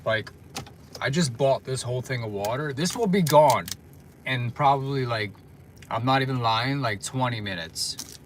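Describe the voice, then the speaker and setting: A man's voice: medium pitch, moderate pace, slight background noise. A tired man chatting casually on a livestream from his parked car, rambling with lots of fillers. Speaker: vlogger.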